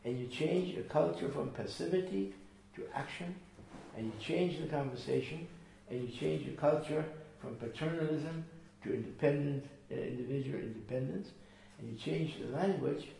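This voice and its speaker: A man's voice: fairly high pitch, normal speed, creaky, dark tone. A man teaching a small group, earnest and emphatic, often repeating his phrases. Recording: echoey room from far off with faint noise.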